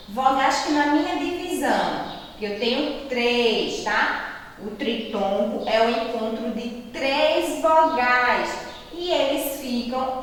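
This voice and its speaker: A Brazilian schoolteacher speaks to her young pupils at a slow, deliberate pace, drawing out key words and checking in again and again. Her voice sits a little high for a woman. It comes from some way off the mic in a hard, echoey room with a long reverb tail. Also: distant mic, a little hiss or hum. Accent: Brazilian Portuguese. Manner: slow, patient, drawn-out explanations with frequent checks. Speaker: primary school teacher. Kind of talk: remote lesson for young children.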